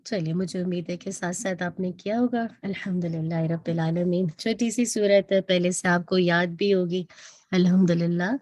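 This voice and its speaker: A woman's voice: on the low side, steady tone, few pauses, a little mellow, no room sound, studio quality. Patient woman teaching recitation. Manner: patient, demonstrates sounds and checks back often. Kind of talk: online tajweed lesson.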